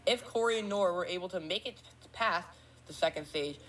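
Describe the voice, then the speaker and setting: A woman's voice: lowish voice, brisk, a crowd in the background. A woman narrating the recap of a game tournament in an earnest, apologetic and thankful way.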